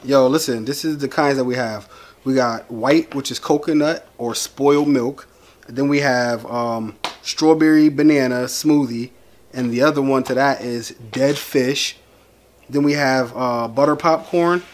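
A man's voice: mid-range voice, unhurried. A young American man hosting a home vlog in casual, playful chat, teasing and egging someone on. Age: young adult. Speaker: vlog host. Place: living room sofa at home. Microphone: camera at about arm's length.

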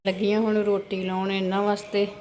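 A young Punjabi-accented woman in a casual family vlog, mixing slow, easy talk with cooing baby talk to her son. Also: mid-range voice, flat delivery, very noisy. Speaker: vlogger, mother.

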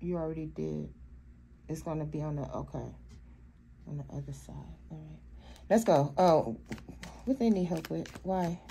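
Tarot reader, woman, mellow low voice, halting and blunt, laughs a lot. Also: vocal fry, slight background noise. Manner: blunt, profane, laughs often, talks to spirits; halting, with many fillers. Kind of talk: casual tarot reading.

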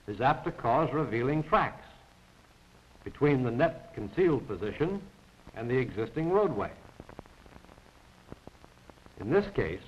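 A man with a mid-range, slightly rough voice narrates a scripted 1940s military training film in a formal, precise, instructional style. The voice-over was recorded separately from the footage, and the soundtrack is dull and band-limited, typical of the period.

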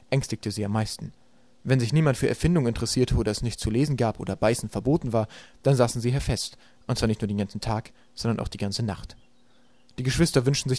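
A man narrates a children's novel at a brisk clip in a mid-range voice. His delivery is steady and measured. The recording is close and dry, made at home. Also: mid-range voice, dry recording. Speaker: audiobook reader.

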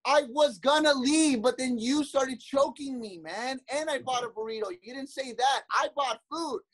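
A man's voice: extremely high pitch, moderate pace, a bit bright, low-quality recording. A young adult man, a comedian guest, arguing heatedly and defensively on a podcast, rambling and cursing.

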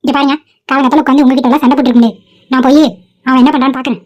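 A woman as a sharp-tongued nagging mother. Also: sits high, fairly even intonation, lightly acted. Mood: scolding. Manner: sharp, scolding, quick. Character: irritated middle-aged town mother nagging her son.

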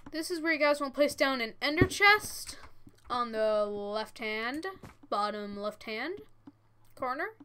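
Thirteen-year-old gaming tutorial host, says w for r, bright forceful tone, informal delivery, slightly noisy recording with key clicks. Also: medium pitch, lively intonation, measured pace. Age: 13 years old. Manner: informal, instructing step by step. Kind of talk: casual Minecraft tutorial commentary. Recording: noisy, with keyboard and mouse clicks.

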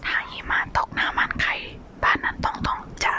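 A woman speaks in a breathy, unvoiced whisper, chatting casually and politely to listeners as an ASMR host. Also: a little fast, bright, forceful tone. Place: outdoors on a balcony in falling snow.

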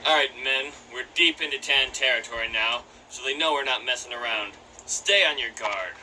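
A man voicing a stern plastic toy army sergeant who barks commands at his men in an animated war short. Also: medium pitch, moderate pace, background noise, lightly acted. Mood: commanding. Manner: barking commands.

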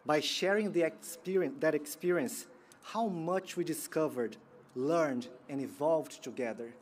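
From a podium microphone at an outdoor sports field ceremony, a man delivers a prepared commencement keynote in a measured, earnest way, pausing as he goes. His voice is on the high side, and there's a little hiss or hum.

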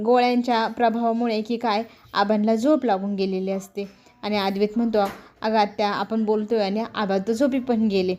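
A woman's voice: fairly high pitch, darkish tone. A woman retelling a TV serial episode in a plain storytelling manner, quoting the characters' lines as she goes. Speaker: serial episode recap narrator.

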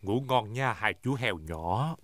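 A man's voice: fairly low pitch, expressive, slow pace, background noise. An actor playing a kindly, easygoing father pig in a dubbed preschool cartoon. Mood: kindly, jolly. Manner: fatherly, encouraging.

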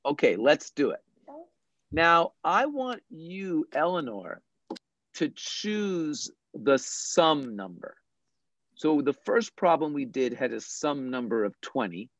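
A math teacher speaking slowly and patiently to young children, with pitch that rises and falls a lot to keep them engaged. The voice comes over a dry, dull video call, with almost no room sound. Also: big pitch swings, a bit bright, dry recording. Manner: slow, patient, deliberate explaining.

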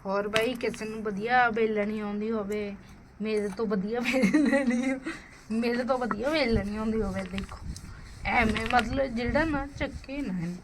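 A woman's voice: fairly high pitch, moderate pace, background noise. A woman chatting casually while cooking, exclaiming and repeating her phrases. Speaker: family vlogger.

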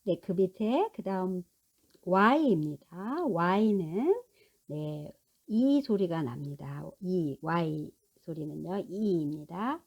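A woman teaching a basic English lesson to grown-up learners, with a gravelly edge of vocal fry in her voice. Her tone is dark and relaxed. She goes patiently, sounding out letters one at a time and answering her own questions. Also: fairly low pitch, drawn-out words, lo-fi sound. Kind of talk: recorded English lesson for adult literacy learners.

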